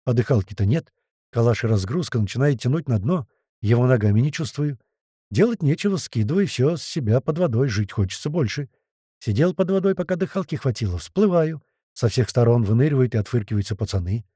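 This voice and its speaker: A male narrator telling a first-person adventure with animated, swooping intonation. His voice is dark and mellow, recorded dry and close with no room sound. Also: medium pitch, fairly quick, slightly rough, no room sound. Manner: lively, vivid storytelling. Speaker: audiobook narrator.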